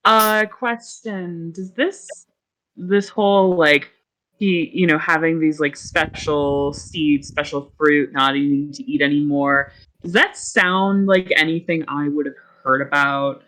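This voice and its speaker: A player in a tabletop game who asks questions in a hesitant, trailing way. The voice is bright and sharp. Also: mid-range voice, steady tone, slow pace, poor audio. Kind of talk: casual game chat.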